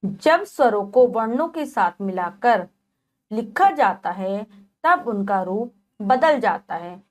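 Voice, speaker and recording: A woman teaching a children's lesson, slowly spelling out letters one by one and checking in often with "okay". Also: medium pitch, animated. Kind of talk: textbook lesson explaining Sanskrit vowel signs to children.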